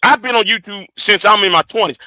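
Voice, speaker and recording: A man's voice: high voice, a little fast, sharp tone, no echo. A man in his forties hosting a livestream, talking heatedly to his audience, stammering and repeating words as he defends himself. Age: 40s. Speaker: livestream host.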